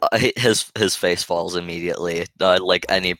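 A man's voice: low voice, fairly even intonation, fairly quick, fairly bright tone, dry recording. A man running a tabletop game as game master, narrating in a rambling way full of fillers and restarts.

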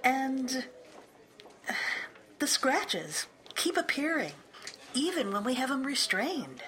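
A woman playing a dutiful nurse in an audio drama. Her voice is high and bright, with lively intonation. She reports in a clinical, deferential way. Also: takes it slowly, exaggerated voice. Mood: clinical, uneasy. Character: dutiful, anxious female psychiatric nurse.

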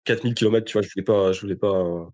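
A man's voice: on the low side, fairly even intonation, very fast, dark tone. A young man from France talking casually as an interview guest, in an informal, slangy way with emphatic repetition. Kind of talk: casual conversation.

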